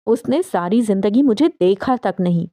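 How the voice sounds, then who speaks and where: A woman voicing an enraged young woman who shouts and bites out her words at her mother. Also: medium pitch, animated, no room sound, clean studio sound, close to an everyday voice. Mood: furious. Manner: shouting, then cold and biting.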